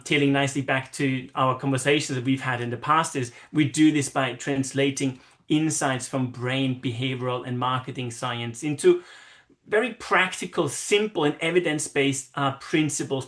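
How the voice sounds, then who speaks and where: A marketing consultant in his forties with an Austrian accent answers interview questions casually over a video call. His mid-range voice is a bit bright, and he's enthusiastic and rambling, with fillers.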